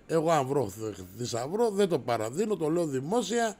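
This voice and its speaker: Loud brash guy on a live stream, kinda high voice, swears a lot and yells at viewers. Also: very animated. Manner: brash, rowdy, swears, preaches; raises his voice to shout. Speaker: livestream host answering viewer comments. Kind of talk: casual livestream chat.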